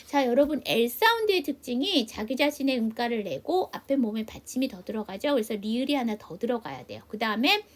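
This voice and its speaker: A middle-aged woman teaching a basic English class, explaining patiently and slowly, spelling out letters. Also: a little high, lively intonation. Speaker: English teacher at a seniors' welfare center. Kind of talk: classroom lesson.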